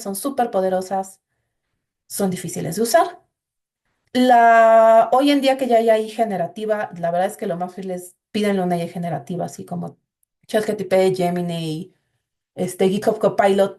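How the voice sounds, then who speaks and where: A woman's voice: medium pitch, a little mellow. A woman giving an informal, explanatory recorded programming class and talking directly to her students. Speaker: instructor.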